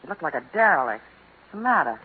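A woman playing a brash, wisecracking American saloon girl in a 1940s radio comedy, breezy and deadpan, on an old recording. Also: deep voice, brisk. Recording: noisy narrow-band 1940s radio recording with audience.

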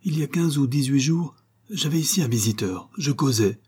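A man's voice: mid-range voice, expressive, moderate pace, a little mellow, slightly rough, voice pushed up. A man reading a grave solemn doctor. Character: grave learned male doctor, solemn and stern. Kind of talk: audiobook character reading.

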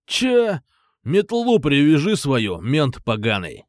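A man's voice: a little high, expressive, moderate pace, creaky, no echo, studio quality. A man voicing a menacing crew-cut male thug who sneers and threatens.

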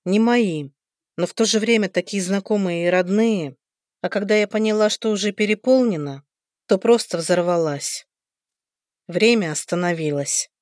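A woman narrating a first-person fantasy audiobook in an even, expressive storytelling manner on a close mic. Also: mid-range voice, moderate pace, no room sound.

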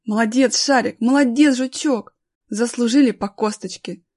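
A woman reading a calm old man who leads two search dogs, speaking steadily and soothingly. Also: medium pitch, normal speed, natural voice.

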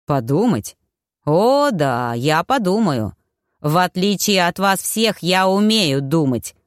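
A woman's voice: lowish voice, very animated, takes it slowly, no echo, studio quality. A woman reading an audiobook, voicing a sarcastic, defiant young man who mocks his family. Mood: angry. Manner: mocking, biting, scornful.

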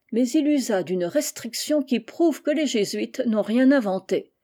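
Female audiobook narrator, measured even reading, warm mellow tone. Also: mid-range voice. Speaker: audiobook reader. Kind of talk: scripted narration.

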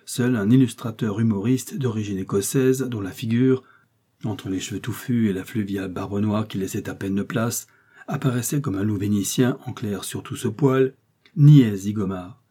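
A man narrating a classic French novel as an audiobook, measured and literary. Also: on the low side, mellow, breathy edge.

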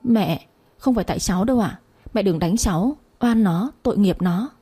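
A woman voicing a gentle young wife and mother pleading with her mother-in-law, in a storybook reading. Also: mid-range voice, moderate pace, slightly rough, close to an everyday voice. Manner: pleading, soft.

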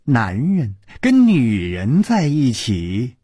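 A man's voice: mid-range voice, wildly swooping pitch, slow, dark tone, no echo, clean studio sound, pitched below the performer's own voice, heavily acted. A man putting on a coy, teasing young woman. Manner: coy, purring, slips into breathy whispers. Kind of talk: audiobook character voice.

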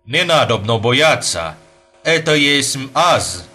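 A sly grey-haired tempter with a light American accent , as a male reader puts him on, drawls slow, broken archaic phrases. The voice is bright and unhurried, a storybook devil in a suit. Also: medium pitch, very animated, slightly rough, faint music behind, full character voice. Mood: coaxing.

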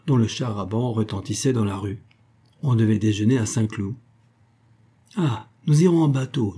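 A man narrating a classic children's story in a measured, expressive storytelling manner. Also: fairly low pitch, husky.

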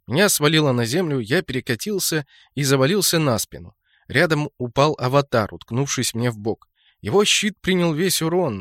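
A man narrating a fantasy game novel in a steady storytelling voice, lifting it sharply for shouted lines. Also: mid-range voice, no room sound, studio quality. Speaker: audiobook narrator.

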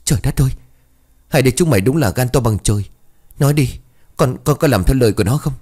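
A man's voice: lowish voice, animated, a little fast, a little mellow. A man voicing a frightened village mother who questions her son urgently. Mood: alarmed.

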